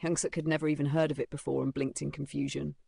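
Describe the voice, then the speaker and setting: Gravelly story-recap narrator. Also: medium pitch, flat delivery, fast, a little mellow.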